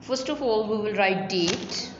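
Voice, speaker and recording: A woman teacher giving a recorded lesson to young children, slowly spelling out words letter by letter. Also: medium pitch, expressive. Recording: dull, roomy recording with faint hum.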